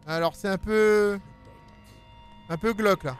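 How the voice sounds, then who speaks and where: A man's voice: high-pitched, measured pace, soft background music. A man, a gaming YouTuber, giving casual let's-play commentary and joking with the characters on screen. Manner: playful, jokes with the game characters.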